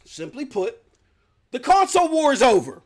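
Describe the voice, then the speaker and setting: A man hosting a live gaming news stream, firing off rhetorical questions and slang in a fervent rant. His voice sits high and swoops up and down with energy. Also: big pitch swings, moderate pace.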